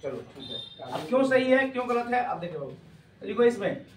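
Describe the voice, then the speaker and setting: A man teaching English grammar to a class, calling students "babu" and quizzing them loudly. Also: very high voice, expressive, fast. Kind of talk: classroom lecture. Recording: echoey classroom from far off.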